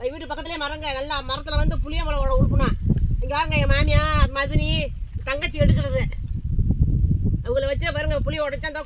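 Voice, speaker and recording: Lady vlogging outside, high voice, talks quick, loads of background noise. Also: flat delivery. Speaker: vlog host. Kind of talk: casual family vlog chat. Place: outdoors by trees near a house. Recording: very noisy outdoor phone recording.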